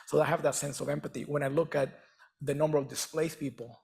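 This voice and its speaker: A man's voice: on the high side, flat delivery, creaky, darkish tone. A middle-aged man from Venezuela whose first language is Spanish, speaking earnestly on stage with frequent restarts as a guest speaker. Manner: earnest, halting with repeated restarts. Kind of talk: on-stage conversation.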